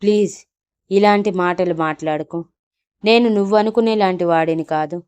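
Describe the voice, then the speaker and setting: A woman voicing a remorseful young man who pleads softly and soothingly in a storybook audio drama. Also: mid-range voice, moderate pace, clean tone, close to an everyday voice.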